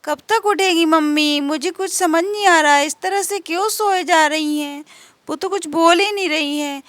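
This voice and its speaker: A woman's voice: extremely high pitch, moderate pace, a bit bright, no echo. A woman voicing a little girl in a doll story who speaks in a tearful, pleading way. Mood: worried. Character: little girl crying for her mother.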